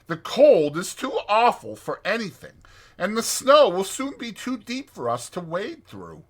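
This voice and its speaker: A man voicing a brisk, bossy, resourceful rat in an emphatic, exclaiming way for a dramatized audiobook. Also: high voice, sing-song, voice pushed up, heavily acted. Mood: urgent, resolute.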